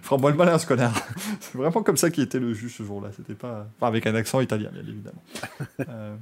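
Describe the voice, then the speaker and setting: A man's voice: mid-range voice, fast talker, darkish tone, breathy edge. A man hosting a motorsport podcast, chatting casually and joking, rambling with frequent restarts. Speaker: podcast host.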